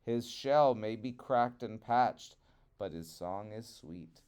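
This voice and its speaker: A man telling a children's trickster tale as storyteller, dramatic, with swelling phrases and hushed endings. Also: on the low side, lively intonation, slow pace, clear, resonant tone. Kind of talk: expressive children's storybook narration.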